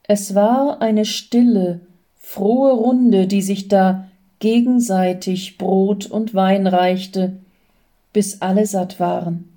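A woman reading a Christmas story aloud in a calm, gentle way. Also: mid-range voice, takes it slowly.

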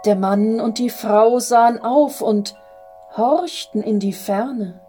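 Slow, mellow woman reading a story. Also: a little high, soft background music. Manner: calm, measured reading. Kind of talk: reading a Christmas story aloud.

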